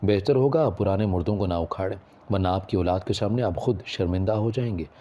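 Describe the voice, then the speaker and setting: A man's voice: low-pitched, fairly quick, warm tone, highs cut off, slight background noise, lightly acted. A man reading the lines of a blunt middle-aged uncle who makes pointed accusations against the family. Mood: cutting. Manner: cutting and pointed.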